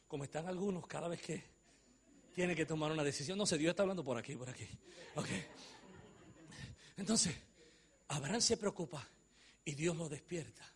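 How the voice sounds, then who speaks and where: High, husky-voiced preacher man. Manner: swings from hushed to shouting, jokes with the audience. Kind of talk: sermon.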